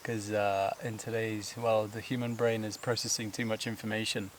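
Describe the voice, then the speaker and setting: A vlogger climbs a steep outdoor trail while talking to the camera, breathless and rambling with fillers and laughter. His fairly low voice is flat and moves at normal speed, with slight background noise and insects buzzing around him.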